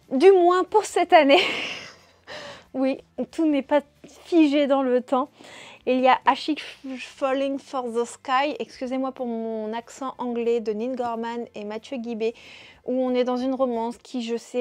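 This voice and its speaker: A woman's voice: fairly high pitch, dark tone, dry recording. A woman chatting casually about the books she wants to read, with frequent hesitations. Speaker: book YouTuber.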